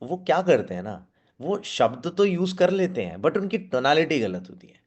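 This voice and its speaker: A man's voice: on the high side, big pitch swings, moderate pace, a little mellow. A man giving a spoken sales-skills training to a seated audience, coaching and often checking in with 'okay?'. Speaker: team trainer.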